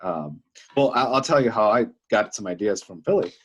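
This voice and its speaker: A man's voice: lowish voice, lively intonation, moderate pace, slightly rough. A young man co-hosting a podcast, chatting casually and telling stories with lots of fillers. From Wisconsin. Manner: chatty storyteller, many fillers. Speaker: podcast co-host. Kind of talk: casual chat.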